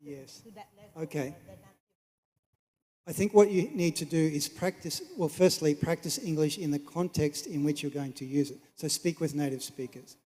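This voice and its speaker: A man giving an explanatory academic talk, measured and polite, checking on his listeners. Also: on the high side, dark tone. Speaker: conference presenter. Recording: echoey hall with long reverb.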